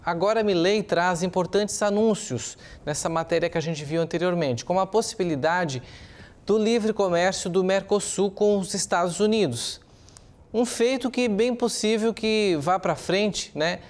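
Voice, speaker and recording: A man with a high voice and a Brazilian accent comments on the news as a journalist, at a moderate pace. Partly improvised, his commentary explains and opines, punctuated by rhetorical questions.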